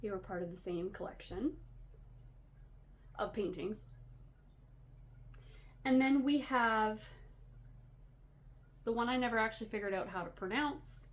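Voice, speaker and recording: This Canadian podcast host, who dyes yarn, speaks in a medium pitch, a little slowly and with frequent pauses. Her casual chat rambles and turns self-deprecating, her breathing slightly wheezy, against clear room noise.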